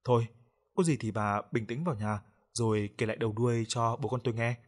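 A man's voice: medium pitch, fairly quick, lightly acted. A man playing a middle-aged village husband and father, stammering in alarm. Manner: stammering at first, then firm.

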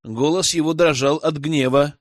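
A man narrating an audiobook in the first person, in an expressive storytelling manner. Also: on the high side, moderate pace, dry recording, clean studio sound.

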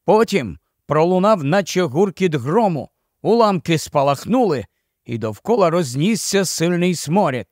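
A male audiobook narrator reading a fantasy story with lively, high-set intonation. The sound is close and dry, with no room around it. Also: unhurried, dry recording. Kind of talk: scripted narration.

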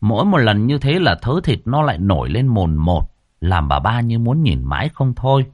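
Male ghost-story narrator, low-pitched and animated, dry booth. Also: moderate pace, no echo, dull audio. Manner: lively, playful storytelling.

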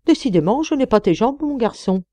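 A woman voicing an older male mining engineer, speaking in a measured, fatherly way. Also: a little high, lively intonation, warm tone, dry recording, pitched above the performer's own voice.

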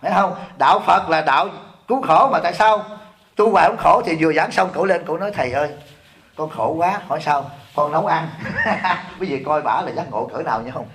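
A middle-aged man from Vietnam, an abbot giving a sermon in a lively, joking way, often asking his listeners questions. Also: on the high side, brisk. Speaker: abbot giving a dharma talk. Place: temple hall.

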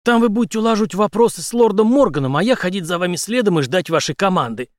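A man voicing a determined former captain who speaks forcefully to his friends. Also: high voice, animated, quick pace, dry recording, studio quality, pitched above the performer's own voice. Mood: resolute. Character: resolute male ex-captain, a devoted husband.

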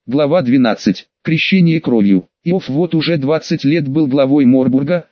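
A man reading a fantasy audiobook aloud in steady scripted narration. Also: a little high, dry recording, dull audio.

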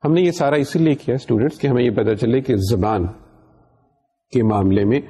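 A man's voice: mid-range voice, mellow, husky. A middle-aged man from Pakistan giving a university lecture, explaining patiently and slipping English phrases into his talk. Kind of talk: recorded lecture.

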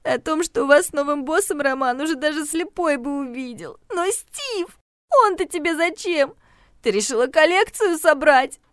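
A woman voicing a tearful, tipsy, jealous young woman who cries and accuses in a shrill voice, in a storybook reading. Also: animated, moderate pace, fairly bright tone, no echo, studio quality. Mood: hysterical. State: crying.

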